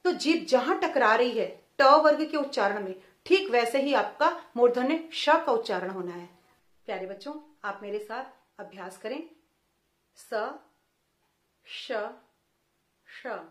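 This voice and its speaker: A woman teacher explaining pronunciation to young children, sounding out each example slowly and carefully. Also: on the high side, animated, echoey room. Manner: slow, careful sound-by-sound demonstration. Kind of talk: children's lesson.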